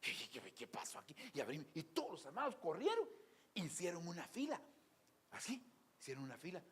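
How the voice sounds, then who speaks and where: A man preaching a sermon in a church, telling stories and swinging from soft asides to loud exclamations. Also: on the high side, big pitch swings, brisk, slightly rough. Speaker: pastor.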